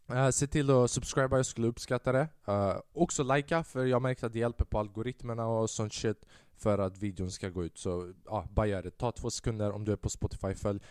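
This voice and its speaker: A man's voice: mid-range voice, clean tone, no room sound, studio quality. A young man hosting his own podcast, rambling and self-mocking, swearing a lot and dropping English phrases into casual talk. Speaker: podcast host. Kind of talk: casual solo podcast monologue.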